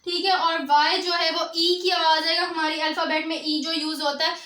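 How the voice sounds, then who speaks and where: A woman teaching a beginner language lecture, explaining step by step and pausing often to check in with students. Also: very high-pitched, level tone, sharp tone, reverberant. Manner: explanatory, often adds a check-in filler after each point.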